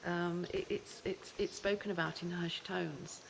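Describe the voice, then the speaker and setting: A woman's voice: fairly low pitch, steady tone, unhurried. A woman presenting an astrology explainer unscripted, reflective and hesitant with emphatic repetition, recorded with cave echo. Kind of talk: unscripted spoken explainer to camera. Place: inside a mountain cave. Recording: echoey cave reverb, clear background noise.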